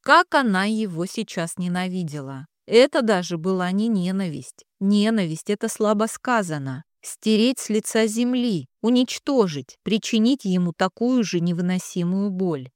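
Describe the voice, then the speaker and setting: A woman narrating an audiobook in an even, measured reading. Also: mid-range voice, dry recording, studio quality. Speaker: audiobook reader. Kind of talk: scripted narration.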